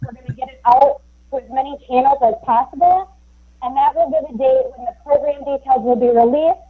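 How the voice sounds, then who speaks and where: Give me a woman on a remote call whose audio keeps cutting in and out and fading, and let her voice sit a little high, like a staffer briefing a public board. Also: lively intonation, brisk, phone-quality sound. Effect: remote call audio cutting in and out and fading away. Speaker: economic development staff presenting to commissioners. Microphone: remote call, joined by unmuting.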